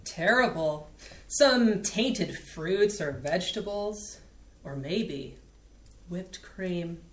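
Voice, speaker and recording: Reading a part in a staged play, a woman with a low voice speaks extremely slowly yet animatedly, voicing a disdainful character who protects her friend. Her tone is cool, dry, and pointed, and the roomy stage recording has a little hiss or hum.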